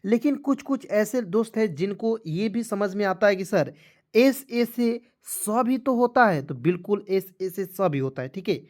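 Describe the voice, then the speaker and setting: A man's voice: high-pitched, animated, measured pace. A man teaching an online spelling lesson, going through each step patiently and repeating it often.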